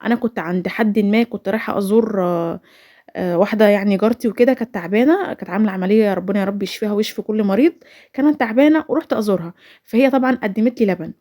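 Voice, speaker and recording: Egyptian woman in her twenties, vlog voice-over, very fast talk, dark mellow voice, rambling storytelling. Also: mid-range voice. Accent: Egyptian Arabic. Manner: chatty, rambling, with many restarts and fillers. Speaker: vlogger.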